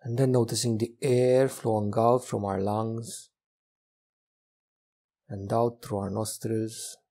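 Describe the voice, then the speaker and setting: His voice is lowish and his delivery flat as he, a meditation teacher, guides the practice gently in short, unhurried phrases broken by long pauses.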